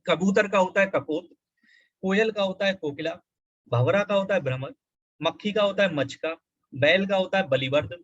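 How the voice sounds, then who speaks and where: A man with a fairly high voice gives an exam-prep lesson, walking through each word patiently and pausing often to check that the point has landed. The sound is dry and close, a little dull and muffled. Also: fairly bright tone, no room sound. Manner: explanatory, repeats key points with "ठीक है". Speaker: Hindi teacher.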